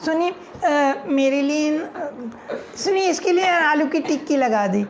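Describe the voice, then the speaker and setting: Giggly gossiping young women. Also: male voice, slight background noise, exaggerated voice. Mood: bickering. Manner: high-pitched, gossipy, fast back-and-forth chatter. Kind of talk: stand-up mimicry. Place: comedy stage before a live audience.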